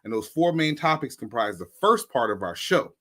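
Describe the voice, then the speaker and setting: A man's voice: mid-range voice, sing-song, moderate pace, fairly bright tone. A man hosting a show in a casual, joking and slangy way. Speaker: host.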